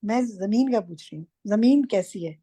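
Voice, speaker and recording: A woman's voice: mid-range voice, lively intonation, warm tone, slightly rough, dry recording. A woman teaching an online class. She questions her students and corrects them firmly. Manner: firm, corrects students directly. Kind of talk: interactive class quizzing students. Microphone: online class microphone.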